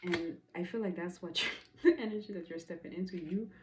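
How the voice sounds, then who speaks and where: Speaking at a fairly low pitch and a brisk pace, a Caribbean tarot reader from the Dominican community delivers a casual reading. She's emphatic and talkative, repeating affirmations and dropping in playful asides.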